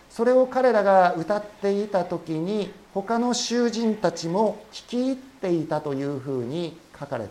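A man's voice: fairly high pitch, darkish tone. A man preaching a sermon as guest pastor, telling the story in a conversational way and acting out the quotes.

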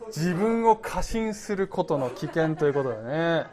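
Chatty man preaching with lively pitch. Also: moderate pace, soft background music. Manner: chatty, laughs at himself, tells stories. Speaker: pastor. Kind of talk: casual conversational sermon.

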